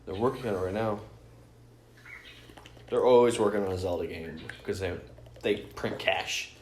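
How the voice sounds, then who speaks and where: This podcast co-host has a low-leaning voice and a moderate pace as he explains things in an enthusiastic, casual, geeky ramble peppered with swearing. There's a roomy echo and a little faint noise in the recording.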